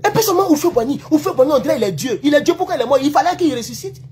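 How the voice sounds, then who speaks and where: A man's voice: very high-pitched, expressive, very fast, darkish tone, a little hiss or hum. A man from the Ivory Coast with an Ivorian French accent, delivering a heated political rant as a YouTube commentator in an impassioned, accusatory way, repeating himself for emphasis.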